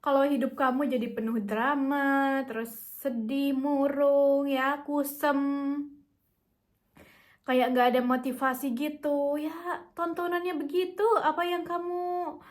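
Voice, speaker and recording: A woman's voice: high voice, little pitch movement, a little slow. A young woman talking straight to her viewers, coaxing and chatty, and repeating her points for emphasis. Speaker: self-help vlogger. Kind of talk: motivational talk to camera.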